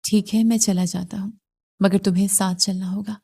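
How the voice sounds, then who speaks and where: A woman's voice: mid-range voice, fairly even intonation, vocal fry, darkish tone, breathy edge. A woman reading the lines of a brusque, possessive young husband in an audio novel, with blunt, curt demands.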